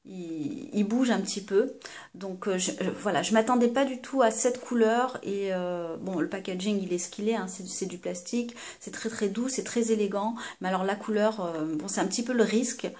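A woman talks to her viewers in a relaxed, chatty review of beauty products. She hesitates often, fills gaps with little sounds and restarts her sentences. Her voice sits at an ordinary middle pitch for a woman. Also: normal speed. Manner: hesitant, many fillers and restarts; chatty, addresses viewers directly. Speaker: beauty vlogger.

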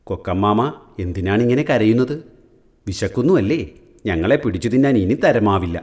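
A man's voice: on the low side, animated, moderate pace, a little mellow, natural voice. A man voicing a wary, clever male crab chief who questions and coaxes. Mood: teasing. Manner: questioning, coaxing.

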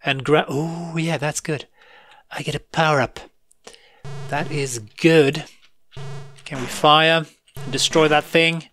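Slow, bright-voiced man grumbling over gameplay. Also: on the high side, steady tone, slight background noise. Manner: exasperated, sarcastic grumbling with frequent laughs. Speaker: retro gaming video host. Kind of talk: live gameplay commentary.

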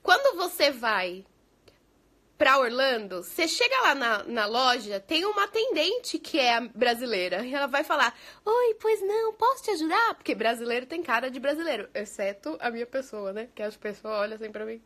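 With a fairly high, sharp voice that swings widely in pitch at a moderate pace, a Brazilian English teacher hosts a laid-back live chat from home in the United States. She responds to viewer questions, laughs often, and mixes in English.

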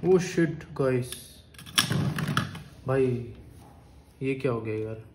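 A man giving casual, excitable commentary on toy battles as a video creator, chatting to his viewers. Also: medium pitch, slow pace. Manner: chatty, excitable, calls viewers "bhai" and "guys". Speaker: YouTuber. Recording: echoey room with loud noise.

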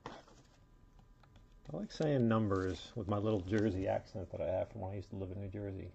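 Gravelly-voiced man calling out card pulls. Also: lowish voice, fairly quick, mellow, slight background noise. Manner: upbeat, rattles off player names and serial numbers. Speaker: card break host. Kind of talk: casual live commentary opening card packs.

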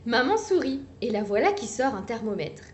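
A woman reading a picture book aloud for young children, animated and coaxing. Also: on the high side, normal speed, noisy background. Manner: animated, sing-song and coaxing. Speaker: children's story reader.

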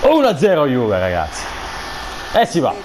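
A man giving excited football video game commentary, explosive and foul-mouthed, cursing between shouted player names. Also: mid-range voice, normal speed, background noise.

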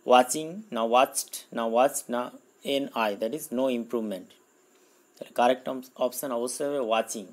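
Man, exam-prep teacher, slow careful reading, then quick explanations. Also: medium pitch, fairly even intonation, poor audio. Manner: reads English questions slowly, explains in Bengali. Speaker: English teacher. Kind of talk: exam-prep grammar lesson.

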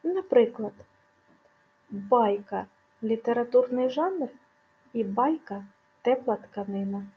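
A woman presenting a scripted video lesson on grammar, explaining clearly and stressing each example word. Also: on the high side, animated, measured pace, pauses often, phone-quality sound. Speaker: language teacher.

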